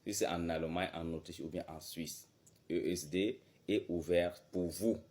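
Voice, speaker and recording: A man promoting a language school and drilling German greetings, repeating phrases slowly and pitching them up for emphasis. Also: steady tone, darkish tone. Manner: slow, repetitive, drills phrases with exaggerated rising pitch. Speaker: German teacher. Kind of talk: promotional talk and German lesson.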